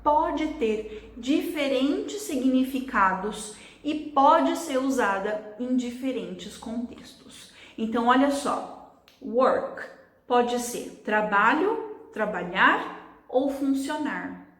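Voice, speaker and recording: A woman's voice: a little high, expressive, slow, echoey room. A Brazilian woman teaching English online, explaining step by step and checking in with her listeners.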